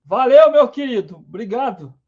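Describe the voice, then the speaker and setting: A man's voice: extremely high pitch, animated, normal speed. A man hosting a casual live science stream, enthusiastic, greeting viewers by name. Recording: dull lo-fi stream audio.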